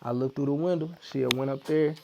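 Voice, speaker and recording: A man with a St. tells his story in a relaxed, chatty way. His voice has a gravelly edge, and he slips into the voices of the people he quotes. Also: medium pitch, fast talker, crowd noise. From Missouri, USA. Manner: animated storyteller who acts out quotes. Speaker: podcast guest. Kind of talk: storytelling in casual conversation.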